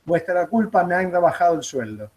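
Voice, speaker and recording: A man's voice: high-pitched, big pitch swings, brisk, a little mellow. A man mimicking a curt Spanish flight attendant. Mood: snappish. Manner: curt and scolding. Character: rude, impatient Spanish woman flight attendant.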